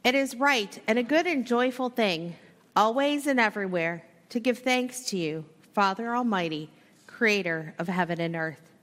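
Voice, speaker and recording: A woman pastor recites the communion prayers in steady, formal phrases at a middle pitch. Her voice rings out through the long reverb of a large church sanctuary. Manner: formal, measured liturgical recitation. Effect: long echo of a large church hall. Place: church sanctuary during a service.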